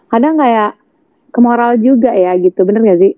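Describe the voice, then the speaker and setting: A mother talking in a relaxed, slangy, reflective way, mixing in English words. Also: a little high, moderate pace, no echo. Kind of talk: casual chat. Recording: tinny phone-line audio, dry.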